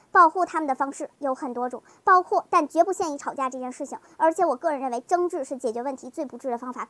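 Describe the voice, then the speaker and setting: Chatty lady vlogger, high voice, keeps asking her viewers "right?", dry close sound. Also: no echo. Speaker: fan vlogger. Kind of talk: casual fan commentary talk.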